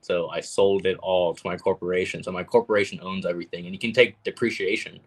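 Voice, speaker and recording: A man's voice: low-pitched, little pitch movement, quick pace, breathy edge. A man talking casually as a guest on a livestream, filling his speech with "like". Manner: loose, heavy use of "like".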